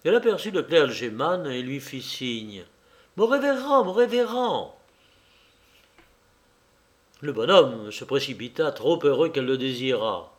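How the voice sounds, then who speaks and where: A man narrating a novel in a measured, literary reading style. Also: medium pitch, animated.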